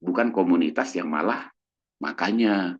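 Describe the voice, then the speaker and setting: A doctor giving a casual church talk on mental health, animated and fond of acting out the voices of the people he describes. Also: normal speed, lo-fi sound. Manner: animated, acts out quoted voices in a raised pitch. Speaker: doctor guest speaker.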